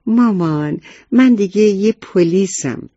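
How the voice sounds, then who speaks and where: A man's voice: high voice, animated, warm tone, no echo, voice pushed up. A man voicing an earnest first-grade boy who is a proud junior police helper, in a storybook reading. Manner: earnest, lecturing about rules. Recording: dull, muffled recording.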